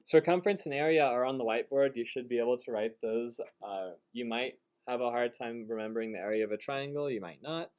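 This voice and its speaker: A man teaching a math class, joking with students and then giving brisk, directive instructions. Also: medium pitch, a little mellow, clean tone.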